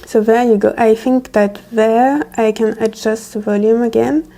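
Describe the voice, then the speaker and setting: A woman with a soft-edged, mellow voice on the higher side talks through a casual ASMR unboxing. She speaks in an unhurried way, rambling and thinking aloud as she tries out each feature. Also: fairly even intonation. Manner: rambling, thinking aloud while testing gear. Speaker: product reviewer. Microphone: close wireless lavalier microphone being tested.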